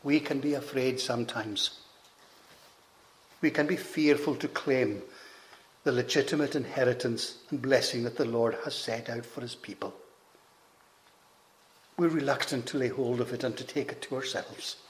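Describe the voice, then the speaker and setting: A man preaching a sermon, slow and measured, with emphatic rises and hushed drops on key phrases. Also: mid-range voice, steady tone.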